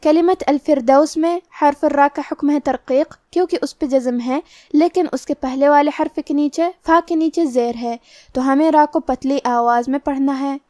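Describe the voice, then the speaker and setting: A woman with a Pakistani Urdu accent gives a tajweed lesson, explaining pronunciation rules in a high, clear voice. She is slow and deliberate, spelling out each sound with care. The recording is dry and close, with no room sound. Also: fairly even intonation, warm tone, dry recording. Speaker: Quran recitation teacher.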